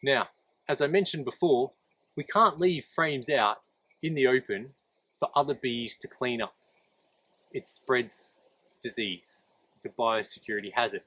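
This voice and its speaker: A man's voice: mid-range voice, a little slow, long pauses, bright, forceful tone, breathy edge, dry recording. A man instructing in a practical, plain-spoken way, explaining a hands-on demonstration step by step while outdoors. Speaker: beekeeping instructor. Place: outdoors beside beehives.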